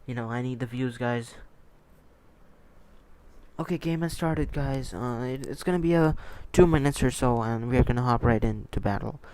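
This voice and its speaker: Medium in pitch and darkish in tone, his voice moves at a normal pace on a low-quality, close-miked recording with no room sound. An esports stream host and commentator, he speaks English as a non-native (not Hindi) speaker, chatting loosely, repeating points, and responding to chat.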